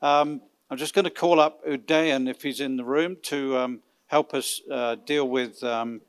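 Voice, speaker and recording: A man's voice: mid-range voice, fairly even intonation, a little slow, clean tone, dry recording. A man hosting an event, making casual announcements to the participants. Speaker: event host.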